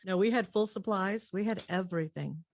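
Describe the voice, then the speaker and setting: A woman's voice: mid-range voice, normal speed, no echo. A woman telling personal stories casually as a co-host in conversation.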